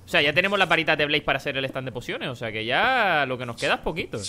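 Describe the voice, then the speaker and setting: A man with a Spain Spanish accent hosting a game, talking in quick, jumpy banter and yelling warnings. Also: fairly high pitch, expressive, slight background noise. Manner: rapid, jumpy, yells warnings. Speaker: gaming channel host. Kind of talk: excited let's-play banter.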